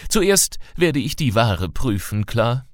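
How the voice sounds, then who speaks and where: A man voicing a flamboyant, excitable male dealer in an audiobook, with exaggerated, theatrical pleading. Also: medium pitch, takes it slowly, no echo, studio quality. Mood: indignant. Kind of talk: audiobook character reading.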